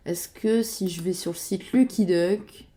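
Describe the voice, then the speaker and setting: A woman's voice: medium pitch, unhurried, mellow. A woman chatting casually about board games while searching websites, hesitating with many fillers and muttering to herself. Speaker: board game youtuber.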